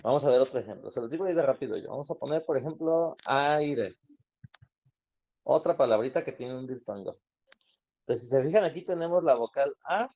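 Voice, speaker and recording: A man's voice: mid-range voice, expressive, fairly quick, gravelly, dark tone. Man teaching an online class. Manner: patient explaining, asks students questions. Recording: dull lo-fi online class audio.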